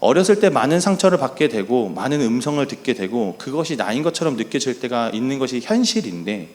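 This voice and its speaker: A middle-aged man preaches a sermon in an earnest, storytelling way. His pitch is medium, and his voice rises and falls a great deal. He acts out quoted lines softly as he talks. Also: big pitch swings, fast talker. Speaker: pastor.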